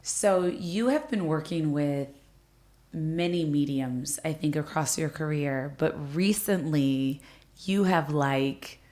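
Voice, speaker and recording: A woman hosting a conversation podcast, asking questions in a measured, encouraging way. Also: low voice, warm tone. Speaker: host. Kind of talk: casual conversation.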